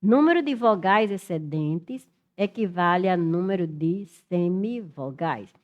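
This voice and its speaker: A woman's voice: fairly low pitch, expressive, measured pace, highs cut off. A middle-aged Brazilian woman teaching Portuguese for an exam, thinking aloud and spelling letters out as she works through questions. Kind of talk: exam-prep lesson, working through questions.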